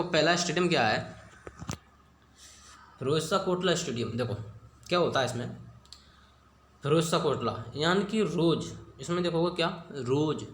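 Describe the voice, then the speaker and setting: A man's voice: fairly high pitch, a bit bright, slight background noise. Chatty man teaching in an echoey room. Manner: chatty, repeats questions to the viewer, checks in often. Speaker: exam coaching teacher. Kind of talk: casual Hindi exam-prep lesson with memory tricks. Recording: echoey room with faint ambience.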